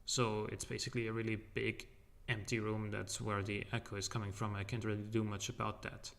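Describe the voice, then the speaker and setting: A man's voice: on the low side, level tone, brisk, gravelly, a bit bright. A man streaming a game in loose, rambling casual commentary, his voice echoing in a large, empty living room. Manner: rambling, loose and joking, with many fillers. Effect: echo from a large empty room.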